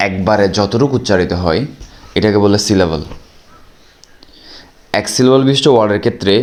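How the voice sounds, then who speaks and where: A man with a Bangladeshi accent teaching an exam-prep grammar lesson, patiently repeating examples slowly and checking that students follow. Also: fairly low pitch, a little mellow. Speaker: English teacher.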